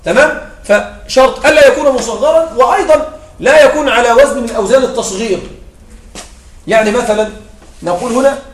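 A man teaches grammar to a class in a high, clear-pitched voice, often repeating himself and asking quick check-in questions. He is recorded from a distance, so the room's echo carries around his words. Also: a little hiss or hum. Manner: repeats points and checks understanding with short questions. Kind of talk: classroom lecture. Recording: echoey room, mic far off.

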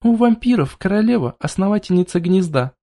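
A proud young vampire queen from a storybook, cool and matter-of-fact, speaking without any emotion, as a man reads her. The voice sits fairly high but stays dark and mellow. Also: brisk. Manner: flat, unemotional, matter-of-fact.

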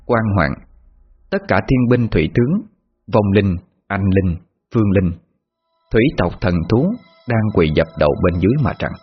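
Man, storyteller, dramatic folk tale, lively delivery, muffled audio, faint music. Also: on the low side, slightly rough. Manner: measured, dramatic. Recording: muffled, with long reverb.

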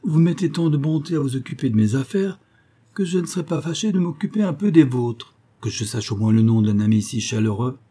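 A man's voice: medium pitch, expressive, a little fast, warm tone, pitched above the performer's own voice, close to an everyday voice. A man voicing a young male abbé and painter who talks in a joking, proud way in an audiobook. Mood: bantering. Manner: bantering, proud. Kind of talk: audiobook character voice.

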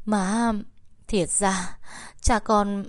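A woman's voice: medium pitch, steady tone, no room sound, studio quality. A woman voicing a weeping, anxious older village mother who stammers and repeats herself. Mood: tearful pleading. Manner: sobbing, halting, repeats words. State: crying.

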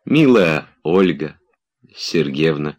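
A man doing a tender, easily moved gentleman. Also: a bass voice, animated, heavily acted. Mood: emotional. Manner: emotional, earnest, halting.

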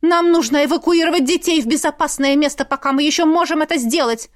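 Woman reading a panicky mom who won't back down, high and urgent, audiobook. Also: moderate pace, close to an everyday voice. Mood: alarmed. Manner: urgent, pleading exclamations. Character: frightened, defiant mother, sharp-tongued.

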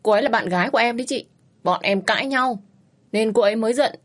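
A woman voicing a calm, bossy young man who speaks in short, commanding lines. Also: fairly high pitch, fast, voice pushed up, lightly acted. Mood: curt.

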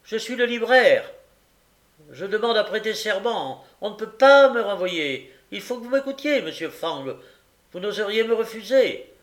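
A man's voice: sits high, lively intonation, moderate pace, roomy sound, pitched above the performer's own voice. A man reading aloud and voicing an honest, determined male bookseller who speaks earnestly as a witness. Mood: insistent. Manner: earnest and insistent.

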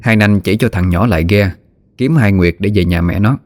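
A man with a Southern Vietnamese accent narrating a folk ghost story in a lively, vivid way. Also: fairly low pitch, moderate pace.

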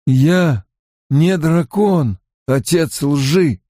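A male narrator voicing a frightened but defiant young hero, speaking hoarsely in strained outbursts. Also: on the high side, lively intonation, drawn-out words, warm tone, no room sound, studio quality, pitched above the performer's own voice, full character voice. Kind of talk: audiobook character voice.

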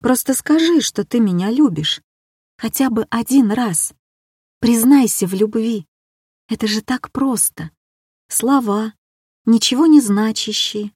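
A woman's voice: on the high side, measured pace, darkish tone, slightly rough, no room sound, clean studio sound. A woman reading an audiobook and voicing a weary, bitter woman who reproaches her lover with probing questions. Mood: yearning.

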